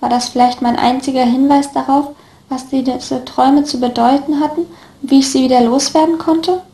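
Woman reading a story flatly, echoey room. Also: high voice, brisk. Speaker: audiobook reader. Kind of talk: first-person story narration.

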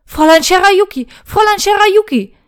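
A woman's voice: a little high, brisk, natural voice. A woman voicing a flustered, earnest young male knight who speaks urgently and formally in a storybook reading. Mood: panicked.

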